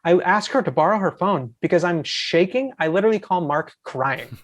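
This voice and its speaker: A man in his forties from the USA, a podcast guest, telling rambling, excited stories in casual chat and acting out his own lines. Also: sits high, normal speed, crowd noise. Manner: excited, rambling, quotes himself.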